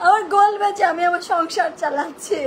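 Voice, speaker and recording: A Bangladeshi woman sobs through an emotional live plea in a very high, wailing voice. Her crying is snotty and tearful, and she repeats phrases as she begs her viewers. Some background noise sits on the recording. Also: quick pace. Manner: pleading, repeats phrases, breaks into wailing shouts. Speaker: live streamer addressing viewers.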